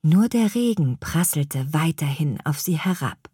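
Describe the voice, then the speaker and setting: A woman reads a children's story aloud, unhurried and with a lot of movement in her voice. Her tone stays gentle and clear. The sound is dry and close, with no room echo. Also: deep voice, lively intonation.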